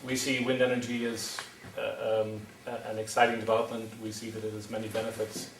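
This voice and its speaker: Recorded at a distance in an echoey hall with slight background noise, this wind energy developer presents at a town meeting. He's a middle-aged man from County Wexford, Ireland, speaking in a fairly low monotone, a little fast, hesitating with ums and restarts.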